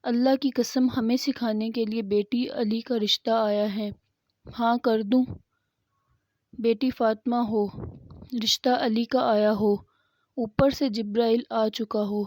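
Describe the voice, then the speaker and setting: A woman with a fairly high voice recounts religious stories in a fervent sermon style, pressing hard on key phrases. The recording is dry and close, with no room sound. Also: level tone, warm tone, no room sound. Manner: fervent, emphatic, acts out quoted dialogue. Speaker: religious storyteller. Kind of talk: Islamic sermon storytelling.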